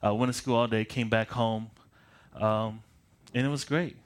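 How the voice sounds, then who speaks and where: After leading a prayer, a Michigan pastor in his late twenties introduces himself as a preacher, casually poking fun at himself. He paces around, chuckles, and often restarts his phrases, his fairly low voice steady and moderately paced.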